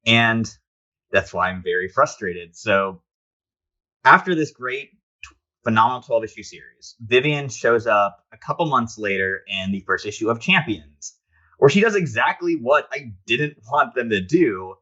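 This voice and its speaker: A man's voice: mid-range voice, lively intonation, sharp tone, dull audio. A man co-hosting a casual podcast chat about comics, enthusiastic and opinionated. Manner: enthusiastic, opinionated, quick asides. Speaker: podcast co-host.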